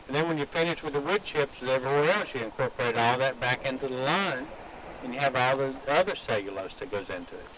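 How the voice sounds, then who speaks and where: A man's voice: mid-range voice, lively intonation, fast talker, crowd noise, low-quality recording. A middle-aged man, a business owner answering interview questions outdoors, agreeable and repeating words as he starts. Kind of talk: on-site interview. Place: outdoors at a recycling yard.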